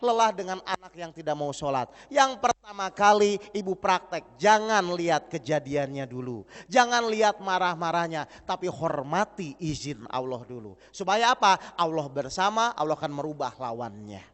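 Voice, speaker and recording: Lively high-voiced man preaching in a hall. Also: moderate pace, hardly any pauses. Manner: animated, acts out dialogue, asks the audience questions. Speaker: Islamic preacher. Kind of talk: lively sermon with storytelling. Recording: long hall reverb.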